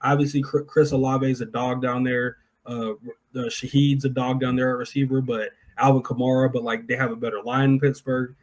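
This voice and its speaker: A man with an average-pitched voice co-hosts a sports podcast. He gives his analysis informally, in an opinionated, chatty way. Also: little pitch movement, fairly quick, rough recording. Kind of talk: casual sports analysis chat.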